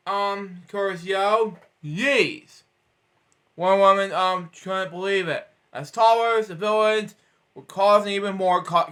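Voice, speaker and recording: A man with a high, slightly bright voice reads a children's storybook aloud. He stumbles over words and keeps breaking off for rambling asides of his own.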